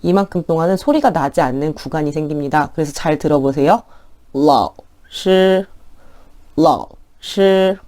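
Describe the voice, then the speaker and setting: A woman teaching an online language lesson in a friendly, polite explaining tone, slowly drawing out words as pronunciation models. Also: sits low, dark tone.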